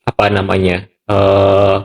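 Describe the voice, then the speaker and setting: A man hosting a podcast, talking in a relaxed, conversational way with frequent chuckles and emphatic asides. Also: sits low, slow. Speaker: podcast host.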